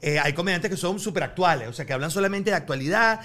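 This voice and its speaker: A man's voice: on the high side, lively intonation, fast, bright, forceful tone. A man guest comedian in casual chat, animatedly acting out the people he quotes.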